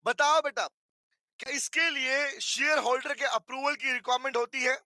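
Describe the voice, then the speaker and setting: A man's voice: very high-pitched, steady tone, moderate pace, sharp tone, dry recording. A man with an Indian accent teaching a live online class, chatty and teasing his students, with a sore throat. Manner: chatty, teasing, mixes Hindi and English.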